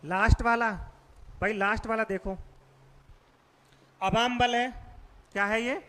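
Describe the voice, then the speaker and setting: High, bright-voiced male teacher in a hall. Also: steady tone, a little slow, a little hiss or hum. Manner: quizzes students with repeated questions. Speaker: English teacher. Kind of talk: classroom vocabulary lesson.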